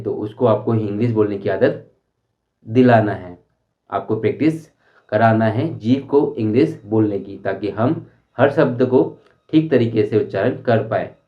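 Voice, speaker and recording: A man teaching a spoken English lesson, explaining slowly and deliberately and repeating his examples. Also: medium pitch, dull audio. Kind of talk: Hindi-language English lesson.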